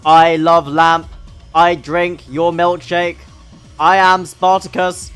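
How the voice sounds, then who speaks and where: Robot voice from a man, loud, slow, flat, quoting movie lines. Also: fairly high pitch, clear, resonant tone, soft background music. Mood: robotic. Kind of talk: gameplay commentary.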